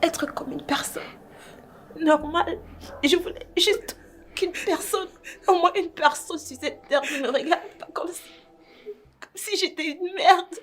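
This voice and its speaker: A woman's voice: very high-pitched, measured pace, pauses often, a bit bright. A woman with a Cameroonian French accent playing a distraught young woman, tearful and pleading, in a web-series drama. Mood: sobbing. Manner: tearful, pleading, breaking into sobs.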